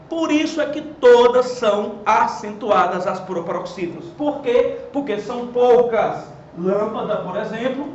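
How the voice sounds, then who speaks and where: A man with a Brazilian accent teaching a lively grammar lesson at a whiteboard. He asks questions and answers them himself, and stresses key words. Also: very high voice, roomy sound, lo-fi sound, slight background noise. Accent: Brazilian Portuguese. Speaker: Portuguese teacher.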